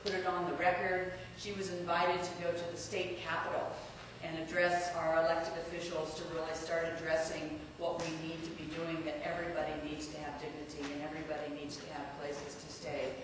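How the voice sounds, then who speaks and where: A woman's voice: deep voice, flat delivery, brisk. A woman in her fifties giving an earnest, rambling public speech with many fillers and restarts, introducing a guest. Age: 50s. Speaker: community speaker introducing a guest. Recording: echoey hall, far from the mic, noisy.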